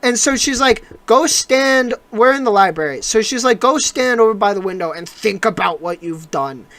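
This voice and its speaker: A young adult co-host tells a long personal story on a casual podcast. The delivery rambles, full of fillers and restarts, and turns animated as the story builds. The pitch sits in a middle range. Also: a little fast, no room sound.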